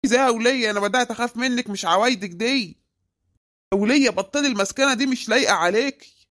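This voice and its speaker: A performer voicing a stingy, grumbling middle-aged husband with an Egyptian accent, who scolds his wife in a quick, nagging way. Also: medium pitch, a bit bright, lightly acted. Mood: wary.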